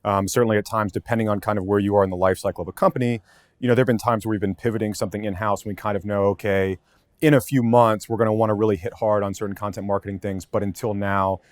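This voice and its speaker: Fast-talking man, dry and close. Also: on the low side, steady tone, no room sound. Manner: thinking aloud with frequent restarts and hedges. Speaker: content marketing lead, podcast guest. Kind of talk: casual podcast conversation. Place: office with many desks.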